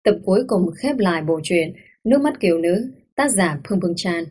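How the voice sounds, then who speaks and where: A woman narrating a romance audiobook, reading in a measured, softly expressive way. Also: lowish voice, a little hiss or hum. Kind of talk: scripted story narration.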